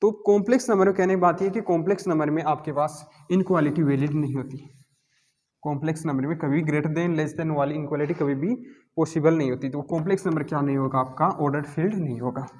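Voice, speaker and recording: A man's voice: fairly high pitch, quick pace, darkish tone. A male math teacher, giving a classroom lecture and constantly asking and answering his own questions. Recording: long hall reverb.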